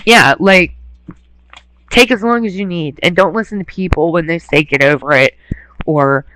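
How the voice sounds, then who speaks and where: A man's voice: high-pitched, expressive, normal speed, sharp tone, a little hiss or hum, poor audio. Blunt, impassioned man on the verge of tears. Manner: blunt, passionate, swears freely. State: near tears. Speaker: radio host. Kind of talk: emotional monologue.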